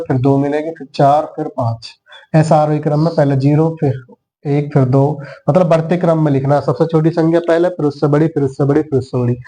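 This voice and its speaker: A man's voice: fairly high pitch, mellow. A man teaching maths who talks students through each step and counts the items aloud. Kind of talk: classroom lesson.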